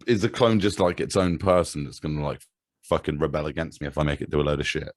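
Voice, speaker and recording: A man from England, a comedian guest in a casual chat, talking in an animated, sweary, rambling way. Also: extremely low pitch, fast talker.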